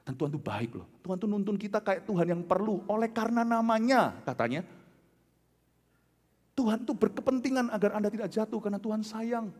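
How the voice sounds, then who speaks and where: Lively Indonesian male pastor preaching. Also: a little fast. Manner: animated storytelling, swinging between loud outbursts and soft low asides. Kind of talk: sermon. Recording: large hall with long reverb.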